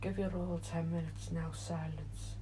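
A man leads a guided meditation in a soft, hushed, soothing voice, leaving long pauses as he goes. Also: a little high, level tone, slight background noise, poor audio. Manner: soothing, gentle, drawn-out delivery with long pauses. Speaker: podcast host and meditation guide.

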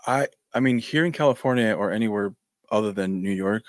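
Low-voiced podcast host, dry sound. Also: male voice, no echo. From Mexico. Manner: halting, many restarts and fillers. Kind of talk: casual interview talk.

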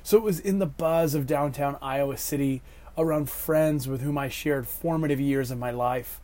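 A man in his thirties speaks with a hoarse smoker's rasp, as if his voice is worn out from shouting. He delivers a scripted, uplifting reflection at a middle pitch. His manner is earnest and measured. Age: 30s. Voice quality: hoarse, raspy like a chain smoker. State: hoarse from yelling at a game. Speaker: host giving a faith reflection.

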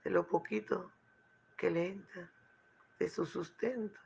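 A man voicing the Lord, rebuking a rich man in a soft, hushed way. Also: high-pitched, steady tone, a little slow, creaky, highs cut off, a little hiss or hum, heavily acted. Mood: gently rebuking. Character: the Lord, calm male divine voice gently rebuking.

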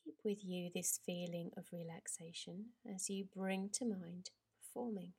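A woman yoga teacher leading a guided relaxation in a slow, soft, soothing voice that drifts into whispers. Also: fairly low pitch, steady tone, slightly rough.

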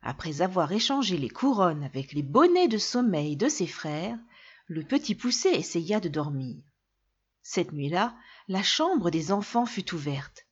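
A woman reads a fairy tale aloud in a clear, expressive storytelling style. Her pitch rises and falls a great deal as she narrates. The recording sounds dull and lo-fi.

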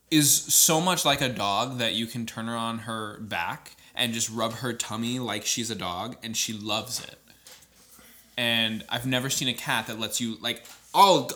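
Bright-voiced chatty man on a podcast. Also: mid-range voice. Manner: chatty, laughs easily, rambling with fillers. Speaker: podcast co-host. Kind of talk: casual chat.

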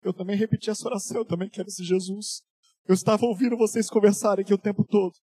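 A man acting out an earnest older gentleman asking politely to join in, in a dry room. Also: sits high, fairly even intonation, racing, breathy edge, no echo.

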